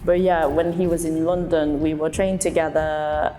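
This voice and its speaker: A woman's voice: sits low, little pitch movement, moderate pace, dark tone, long reverb tail, soft background music. A young woman from Japan, a dancer telling her story in a hesitant, reflective way with many fillers. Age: young adult. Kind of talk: reflective interview talk.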